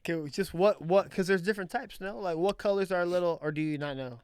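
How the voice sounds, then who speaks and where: A man's voice: high voice, fast talker, darkish tone, clean tone, no echo, studio quality. A young man co-hosting a casual chat, laid-back and slangy, asking short questions. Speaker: co-host.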